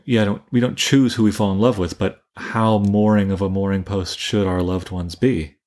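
A man's voice: lowish voice, fairly even intonation, moderate pace, darkish tone. A man from Canada co-hosting a casual book discussion, musing and thinking aloud with frequent restarts. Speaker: podcast co-host.

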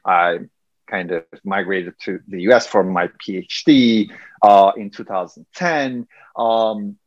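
A man's voice: lowish voice, slow pace, dry recording. Man, muffled lo-fi sound. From Turkey. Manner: thoughtful, hesitant with many fillers. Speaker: guest, engineering professor. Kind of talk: casual interview talk.

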